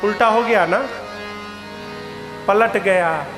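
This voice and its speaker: A man's voice: high-pitched, slow pace. A man preaching a religious story, acting out dialogue between figures and breaking into sung lines, recorded in a large hall on a stage microphone with live music. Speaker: katha preacher. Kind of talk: sermon storytelling. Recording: echoey hall with instrument backing.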